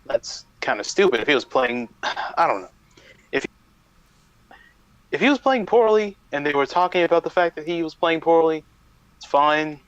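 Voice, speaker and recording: A man co-hosting a gaming podcast, giving his opinion in a measured, hesitant way. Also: fairly high pitch, animated, a bit bright, no echo. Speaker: podcast co-host. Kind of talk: casual chat. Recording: dull, dry lo-fi mic.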